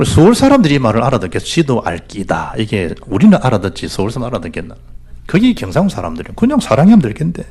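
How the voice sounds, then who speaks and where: A male pastor with a Gyeongsang accent delivers a sermon in a mid-pitched voice. His pitch leaps and falls freely. He pushes out loud exhortations and then drops into quiet, hushed asides. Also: wildly swooping pitch, quick pace, breathy edge. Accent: Gyeongsang Korean. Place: church.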